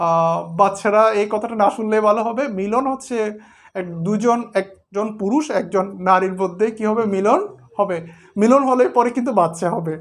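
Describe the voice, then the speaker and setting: Patient grammar teacher going step by step. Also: medium pitch. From Bangladesh. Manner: patient, step-by-step, repeats each example. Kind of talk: explaining sandhi at a board.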